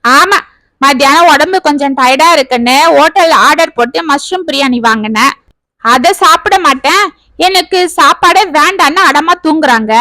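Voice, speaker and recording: A woman voicing a sharp-tongued, lazy young daughter-in-law who answers back with scorn in a storybook tale. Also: high voice, moderate pace, no echo. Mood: defiant. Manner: snappy, scornful, talks back.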